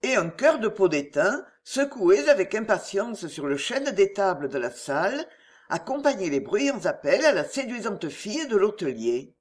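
A reader narrating a classic novel chapter in a measured, expressive way. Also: medium pitch. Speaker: audiobook reader.

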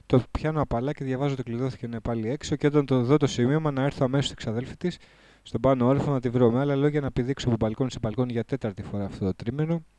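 A man's voice: mid-range voice, fairly even intonation, mellow, no echo. A man reading his own surreal first-person story in a casual, slangy way, stopping to correct his lines. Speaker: performer recording a spoken piece.

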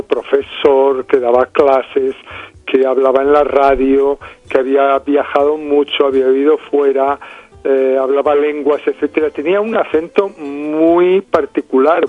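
A man's voice: fairly high pitch, no echo. A man with a Spanish accent from Spain, a film director talking thoughtfully in an interview, with many fillers and restarts. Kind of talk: interview over the phone. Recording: tinny phone line.

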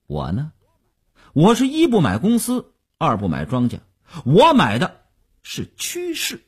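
A man's voice: mid-range voice, wildly swooping pitch, measured pace, slightly rough, heavily acted. A man playing a bragging stock speculator. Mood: boastful. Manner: bragging, chuckling, coaxing. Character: boastful, self-satisfied male stock speculator.

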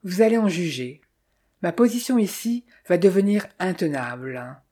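A woman voicing a worried young male clerk playing detective in an audiobook, in her own low, husky reading voice. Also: sing-song, moderate pace, warm tone.

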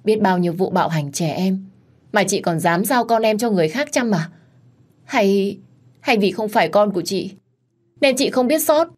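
A woman's voice: mid-range voice, lively intonation, normal speed, husky. A woman voicing a whiny, tearful young pregnant woman who accuses and pleads. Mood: whiny, accusing.

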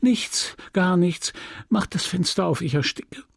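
A man reading an audiobook voices a despairing young woman who has been poisoned, speaking in a husky, faltering, pleading way. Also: on the high side, animated, slow pace, no room sound, clean studio sound, full character voice. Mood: faint anguished.

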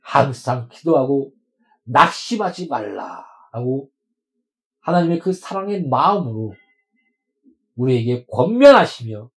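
A man's voice: mid-range voice, very animated, takes it slowly, pauses often, rough recording. A male pastor preaching a sermon to his congregation, emphatic and stretching words out for stress.

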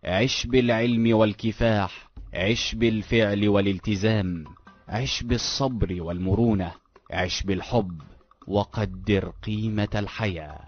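A man reading out earnest, measured motivational advice. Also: lowish voice, fairly even intonation. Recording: lo-fi with faint background music.

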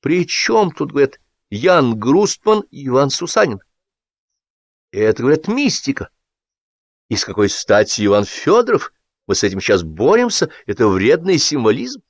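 A man's voice: medium pitch, sing-song, normal speed, no room sound, pitched above the performer's own voice. A man reading an audiobook, voicing an effusive, fawning male film director who talks in gushing exclamations. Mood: indignant.

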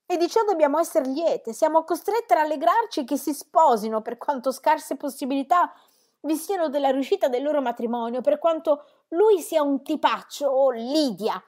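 A woman's voice: sits high, steady tone, normal speed, few pauses, husky, voice pushed up. Woman reading as a spirited, anxious young woman. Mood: exclaiming. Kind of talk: audiobook character reading.

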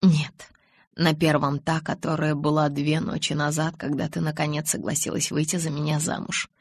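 A calm young male vampire in a storybook audiobook speaks softly and steadily, voiced by a woman. The voice is low and a little husky. The recording is close and dry. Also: moderate pace, no room sound. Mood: tender. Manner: soft, low and restrained.

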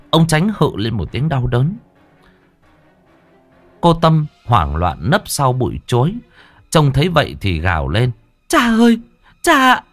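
A man narrating a ghost story with dramatic, expressive pacing. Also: mid-range voice, no echo. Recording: dry close voice over faint music.

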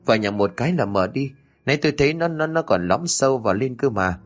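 A man's voice: medium pitch, expressive, quick pace, pitched above the performer's own voice, natural voice. A man voicing a fussy older village woman. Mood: puzzled. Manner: chatty, wondering, clucking.

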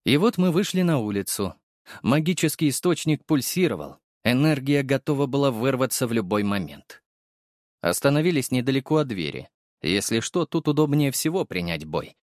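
A man narrating a first-person audiobook, storytelling lively and voicing the characters. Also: medium pitch, normal speed, no room sound, clean studio sound.

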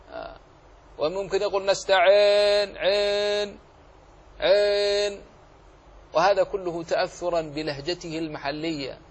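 A middle-aged man teaching Quran recitation rules, drawing out words slowly to demonstrate the sounds. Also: a little high, creaky, breathy edge. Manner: slow drawn-out demonstrations of vowel sounds. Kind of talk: tajweed lesson with recited examples.

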